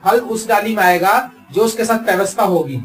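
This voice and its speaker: A male pastor preaching a sermon. He swings between loud, emphatic lines and low, quiet asides.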